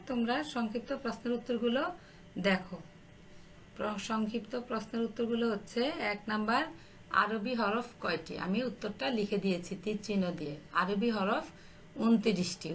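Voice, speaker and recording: A woman teacher with a fairly high voice dictates answers to a primary class, slowly and patiently, repeating each point. A faint hiss of background noise sits under her voice. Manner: slow, repetitive dictation, addresses pupils affectionately.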